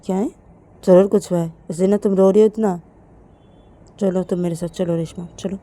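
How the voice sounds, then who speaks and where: A woman's voice: lowish voice, fairly even intonation, moderate pace, warm tone, natural voice. A woman voicing a stern mother who scolds and demands answers with insistent repeated questions. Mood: scolding. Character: stern angry mother interrogating her daughters.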